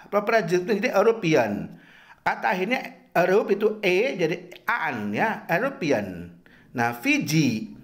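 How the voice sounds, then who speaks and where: A middle-aged man teaches a university grammar class at an unhurried pace, his pitch swinging up and down as he drills each example. He repeats words patiently, one at a time. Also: a bit bright. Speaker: English lecturer. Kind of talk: university English grammar lesson.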